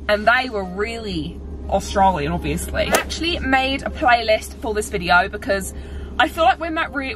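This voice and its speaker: A woman's voice: fairly high pitch, noisy background. A chatty young woman from England, vlogging casually to a camera on the dashboard of her parked car. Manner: chatty, bubbly and self-mocking. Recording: music playing in the background.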